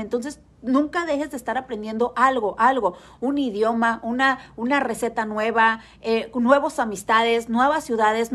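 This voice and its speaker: A woman in her thirties giving a motivational talk, speaking emphatically, repeating key phrases and putting questions straight to her listeners. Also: high voice.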